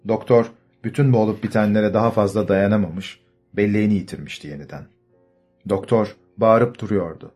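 A male narrator reads an audiobook in a measured storytelling manner. His voice sits low. Faint music runs under the reading. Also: darkish tone, breathy edge. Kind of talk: scripted narration.

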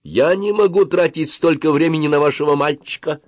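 A man's voice: mid-range voice, normal speed, dry recording, voice pushed up, natural voice. A man voicing a small, stern female dentist who speaks firmly and commands. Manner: firm, commanding, raised voice. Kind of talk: audiobook character reading.

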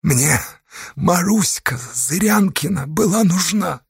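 A man's voice: sits high, takes it slowly, vocal fry, breathy edge, no room sound, studio quality, pitched above the performer's own voice, exaggerated voice. A man voicing a guilt-ridden young man who answers in bitter, anguished outbursts.

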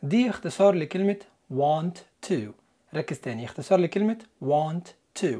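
A man with an Egyptian Arabic accent teaching an English listening lesson, explaining step by step and slowing down for the English example sentences. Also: a little high, animated, dark tone. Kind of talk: scripted lesson narration.

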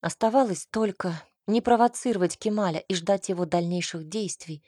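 Woman narrating a novel, low and dry. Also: normal speed, dark tone, breathy edge, dry recording. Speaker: audiobook narrator. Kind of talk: scripted audiobook narration.

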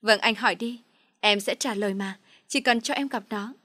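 A woman's voice: mid-range voice, moderate pace, sharp tone, no room sound, clean studio sound. A woman voicing a desperate young mother who begs through tears. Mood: submissive. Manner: begging, sobbing pleas.

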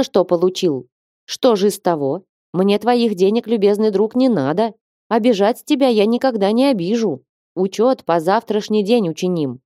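A woman's voice: mid-range voice, mellow, no room sound, voice pushed up, close to an everyday voice. Unyielding male merchant, coaxing and proverb-quoting, dry close sound, read by a woman. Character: wealthy domineering male merchant, sly and coaxing.

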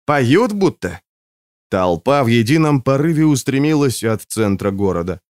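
A man narrating a novel as an audiobook, with an expressive reading. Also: mid-range voice, moderate pace, smooth, dry recording, studio quality.

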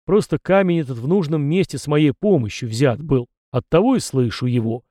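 Guy doing a cranky old ancestor spirit, loud and gruff, warm dark voice. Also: on the high side, expressive, fairly quick, no echo, clean studio sound, close to an everyday voice. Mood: scolding. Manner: scolding, gruff. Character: grumpy ancient male ancestor spirit.

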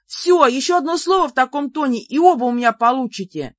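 Woman voicing shrill young heroine, pleading, raised voice, dull recording. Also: lively intonation, moderate pace, a bit bright, dry recording. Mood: furious. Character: exasperated young woman, loud and whiny.

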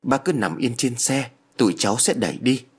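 A man's voice: medium pitch, moderate pace, husky, natural voice. A man voicing a polite, soothing young female nurse in a spoken ghost story.

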